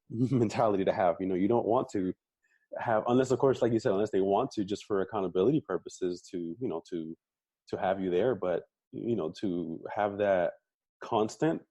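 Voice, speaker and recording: A man's voice: sits low, dark tone, husky, no room sound. A man hosting a fitness podcast, chatting casually and affirming his guest, often repeating words as he thinks. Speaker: podcast host and coach. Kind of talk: casual interview chat.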